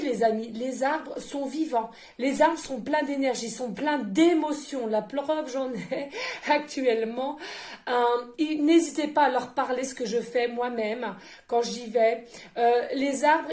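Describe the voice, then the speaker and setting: A woman's voice: high-pitched, a little mellow. Effusive French-speaking woman medium, echoey room. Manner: emotional, effusive, many fillers and repetitions. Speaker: medium doing oracle card readings. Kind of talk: casual spiritual card reading to viewers. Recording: echoey room with faint noise.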